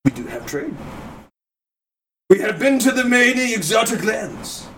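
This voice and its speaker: A man acts out a grand, profit-minded fantasy trader at a game table. His speech is formal and flowery, pitched high. The recording is distant, with clear noise behind. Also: very animated, measured pace, a bit bright, full character voice. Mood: courtly, persuasive.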